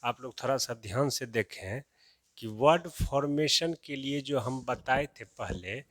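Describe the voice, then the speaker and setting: Male teacher, children's lesson, slow, repeats and quizzes himself, dry close sound. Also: medium pitch, a bit bright, dry recording. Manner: slow, repeats key terms as questions and answers them.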